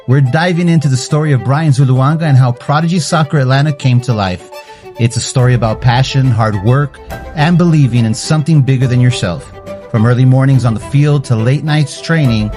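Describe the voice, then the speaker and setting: A man's voice: mid-range voice, a little mellow. A male podcast host in a mid-range voice gives an upbeat, hyped-up intro, then leads into his interview. Faint music runs under his voice. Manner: upbeat hype delivery.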